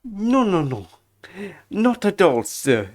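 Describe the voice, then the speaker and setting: A woman's voice: medium pitch, sing-song, slow pace, darkish tone, voice pushed up. A woman voicing a fawning young male hotel bellboy who talks in an obsequious, overly polite way. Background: game music.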